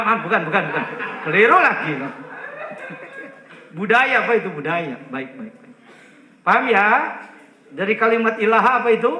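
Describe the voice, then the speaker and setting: A man's voice: sits high, sharp tone, roomy sound, poor audio. A man preaching a sermon to a gathering, joking and putting questions to the audience.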